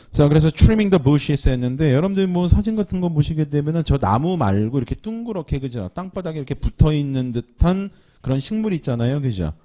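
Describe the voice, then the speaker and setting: A man teaching an English listening class, slowly repeating phrases and checking in with students after nearly every line. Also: medium pitch. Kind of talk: recorded online lecture. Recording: dull lo-fi lecture recording.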